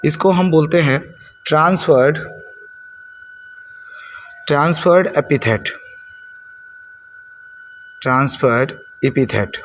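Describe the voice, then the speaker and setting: A man's voice: fairly high pitch, takes it slowly, long pauses, a little hiss or hum. A man teaching poetic devices, asking and answering his own questions and repeating key words for his students. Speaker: English teacher. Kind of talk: blackboard lesson explaining poetic devices.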